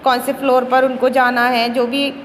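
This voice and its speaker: A woman English teacher with an Indian accent, switching between Hindi and English, repeating words slowly for pupils to drill their pronunciation. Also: high-pitched, level tone, in a large hall, a little hiss or hum. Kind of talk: classroom lesson explaining words and pronunciation.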